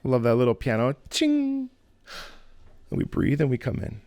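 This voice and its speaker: An opera singer hosts a music reaction video, analyzing casually and enthusiastically while singing phrases along with the track. His mid-range, darkish voice swoops wildly in pitch at a moderate pace, with a little hiss or hum on the recording.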